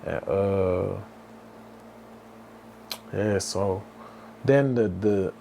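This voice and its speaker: Gravelly-voiced man from the D.C. telling his story. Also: sits low, extremely slow, mellow, a little hiss or hum. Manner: loose slang-heavy talk, many restarts and "bruh". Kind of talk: casual storytelling to camera.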